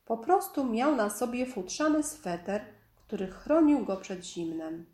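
A woman reading a children's story aloud in a calm, measured storytelling manner. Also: a little high. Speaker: storybook narrator. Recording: echoey room.

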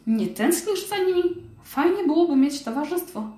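A woman voicing a kind, clever young girl who talks bright and friendly. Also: very high-pitched, lively intonation, normal speed, echoey room, voice pushed up.

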